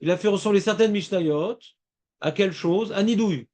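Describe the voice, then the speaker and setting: A man teaching a Talmud class, explaining in a lively way and quizzing his students. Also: sits high, moderate pace. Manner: lively, asks students questions, playful rhymes.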